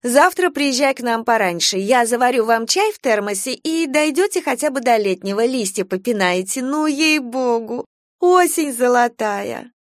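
A woman's voice: a little high, animated, moderate pace, no room sound, studio quality, pitched above the performer's own voice, close to an everyday voice. A woman voicing a fussy, insistent older hostess pressing her guests. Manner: fussing, insistent.

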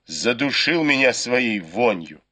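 A man's voice: medium pitch, lively intonation, slow pace, sharp tone, exaggerated voice. A male reader voicing a stern young swordsman who gives curt, threatening commands.

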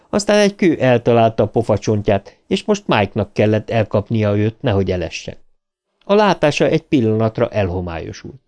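A man reading an audiobook aloud in an expressive, dramatic narration style. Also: lowish voice.

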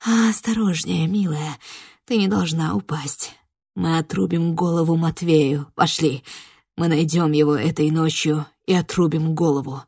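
A woman voicing an evil wish-granting spirit disguised as a young man, gentle and creepy one moment, snarling the next. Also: deep voice, fairly even intonation, unhurried, breathy edge, no room sound, studio quality, pitched below the performer's own voice, exaggerated voice. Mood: soft menace. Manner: soft and eerily gentle, then snarling. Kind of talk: audiobook character voice.

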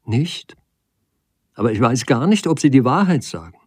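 A man reading the part of a proud young woman who speaks in a sharp, reproachful way in a storybook reading. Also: very animated, moderate pace, breathy edge, no room sound, clean studio sound. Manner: sharp, reproachful, rising pitch.

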